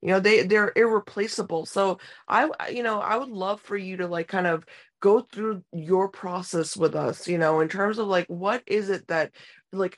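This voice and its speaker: A woman hosting a skincare podcast in a casual, chatty way, full of "you know" and "like" fillers. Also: lowish voice. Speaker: podcast host. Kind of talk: casual interview chat.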